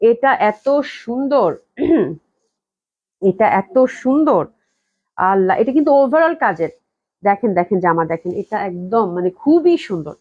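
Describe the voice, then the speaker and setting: In a lo-fi live sales stream filmed indoors at her company office, a clothing shop owner sells dresses with an expressive, medium-pitched voice at normal speed, pausing often. She piles on enthusiastic, repeated praise while coughing repeatedly as she gets over a cold.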